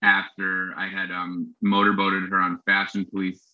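A man guest telling a story in a casual chat, halting with many fillers. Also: deep voice, monotone, faint music behind. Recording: dull lo-fi sound.

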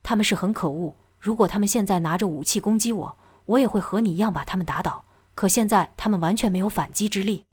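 A woman voicing a gruff, blunt tough guy. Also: medium pitch, quick pace, hardly any pauses, darkish tone, no room sound, natural voice. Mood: firm. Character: tough man, blunt and protective.

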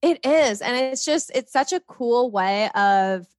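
A young woman talks in a relaxed, upbeat way, her speech quick to pile on fillers as she goes. Her voice sits a touch high. The recording is close and very dry, with no room sound. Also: no room sound. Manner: upbeat, animated, many "like" fillers. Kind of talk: casual chat.

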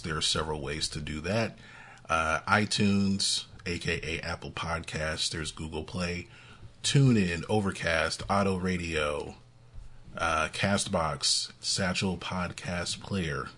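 A man's voice: deep voice, steady tone, slow pace, fairly bright tone. A man co-hosting a casual music podcast, chatty and laughing often between points. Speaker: podcast co-host.

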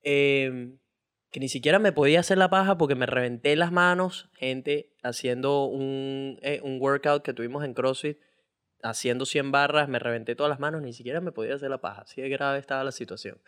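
A man's voice: medium pitch, a little fast, fairly bright tone, clear, resonant tone. A young man with a Venezuelan accent, co-hosting a casual podcast and telling a story animatedly with crude slang. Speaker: podcast co-host. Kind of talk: casual chat.

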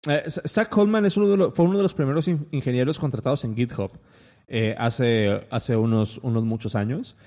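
Rambling Mexican man with a mellow voice. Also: mid-range voice, moderate pace, in a large hall. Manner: rambling, many restarts and fillers. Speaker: podcast host. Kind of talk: casual podcast chat.

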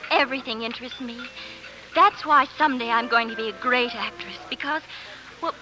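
A woman's voice: fairly high pitch, brisk, natural voice, poor audio. An actress playing an eager young woman who dreams of stardom, breathless, earnest and dramatic, in a 1940s radio play. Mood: dreamy. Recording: old radio broadcast with music.

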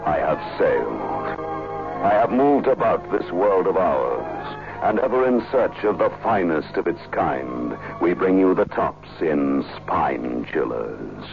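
A man's voice: low voice, big pitch swings, slow pace, creaky. A man giving a polished, emphatic 1960s radio sponsor announcement in a salesman's delivery. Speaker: announcer and advertising voice. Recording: tinny old radio recording, loud music.

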